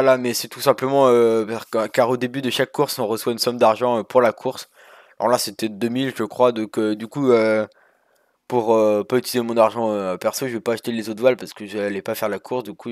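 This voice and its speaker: A man's voice: lowish voice, dry recording, clean studio sound. A man casually narrating a walkthrough of a sailing game over his screen, rambling with many fillers and restarts. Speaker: gaming youtuber.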